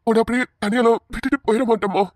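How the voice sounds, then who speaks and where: A woman's voice: fairly high pitch, fairly even intonation, rapid-fire, no echo, studio quality, close to an everyday voice. A woman voicing a tender young husband who soothes his worried wife in a cartoon. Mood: soothing. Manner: gentle, pleading, calls her fondly.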